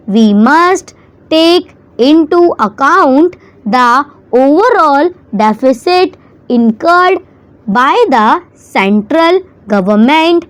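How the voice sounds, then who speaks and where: A woman reading a prepared formal text as slow school dictation for shorthand practice, in measured, deliberate phrases with pauses. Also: high-pitched, dry recording. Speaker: dictation reader for stenography practice.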